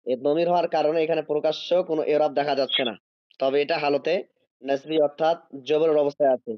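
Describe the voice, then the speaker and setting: A man with a fairly high voice teaches an online Arabic grammar class. He explains patiently, reading each Arabic word slowly and checking that students understand. The recording is dry and somewhat dull, like lo-fi class audio. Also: flat delivery, no room sound. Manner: drawn-out reading of Arabic words.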